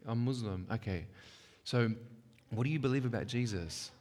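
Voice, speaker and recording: A man's voice: medium pitch, normal speed, a little mellow. A man leading a church workshop session, talking conversationally and emphatically, often checking in with the audience. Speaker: workshop speaker. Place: church hall. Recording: long hall reverb.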